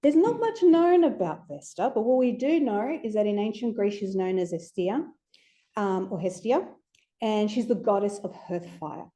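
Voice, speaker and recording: A woman's voice: mid-range voice, lively intonation, moderate pace, dark tone. A woman giving an informal lecture to a group, chatty and conversational with playful asides. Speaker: astrology speaker presenting to a group.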